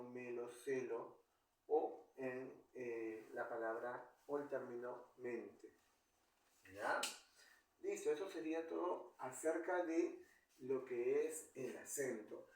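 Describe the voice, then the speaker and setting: A man's voice: medium pitch, a little mellow, far from the mic. A man teaching a Spanish grammar lesson, who asks questions and answers them himself. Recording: echoey room, voice from off the mic.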